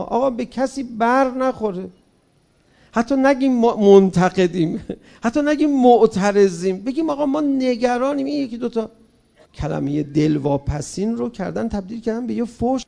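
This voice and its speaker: A man speaking to an audience in a fervent, rhetorical manner, often turning to his listeners with direct questions. His voice sits high, with a gravelly, creaky grain. The tone is dark and mellow rather than bright. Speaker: public speaker. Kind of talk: impassioned public speech to an audience.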